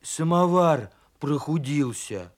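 Man doing a shouting scared bear cub. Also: a little high, expressive, takes it slowly. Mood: alarmed. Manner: shouting, defensive. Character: frightened, blustering little bear cub.

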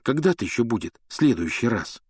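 A man's voice: medium pitch, sing-song, fairly quick, slightly rough, no echo, studio quality. A man voicing an indignant, hot-tempered teenage schoolboy in an audiobook. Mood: coaxing. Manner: loud, indignant, grumbling.

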